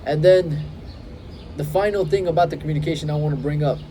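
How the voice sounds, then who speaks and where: With faint outdoor noise humming in the background, a twentysomething self-improvement coach speaks straight into a close-held phone for a direct-to-camera advice vlog. His slightly high voice stays warm and mellow as he delivers confident emphasis and deliberate pauses.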